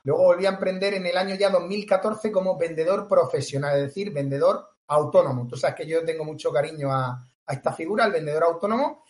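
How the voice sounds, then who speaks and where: Here the Catalan sales coach, whose Spanish carries a Murcian tinge, talks fast with few pauses in a fairly high voice. He's a guest on a podcast interview, emphatic and prone to repeating phrases, recorded in an echoey room.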